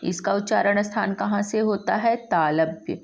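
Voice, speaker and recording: A woman teaching a Sanskrit lesson in speech, slowly spelling out sounds one by one and repeating them. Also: mid-range voice, creaky, lo-fi sound. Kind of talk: classroom lesson.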